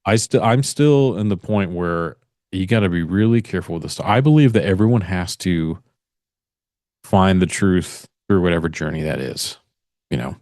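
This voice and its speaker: A man co-hosting a podcast, chatting casually in a thoughtful, measured way. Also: low voice, darkish tone, no room sound, studio quality. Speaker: podcast co-host. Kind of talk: casual chat.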